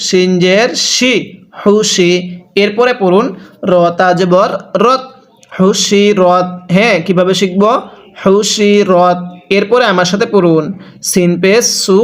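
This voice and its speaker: A man teaching Quran reading who spells out syllables slowly and repeats them for the learner. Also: sits high. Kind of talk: slow spelling drill lesson.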